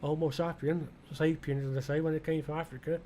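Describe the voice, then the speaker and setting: A man's voice: fairly high pitch, level tone, fairly quick, dark tone, slight background noise. A British man musing aloud in rambling flight-sim commentary, often asking himself questions and restarting his sentences, with blunt, mildly irreverent asides. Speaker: gaming video creator.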